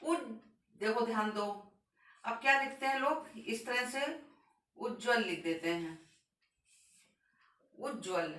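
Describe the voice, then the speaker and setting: Slow, bright-voiced woman teaching grammar. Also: fairly high pitch. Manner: slow, deliberate, repeats each word and stresses correct forms. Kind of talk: board lesson on spelling. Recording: echoey room, voice from a distance.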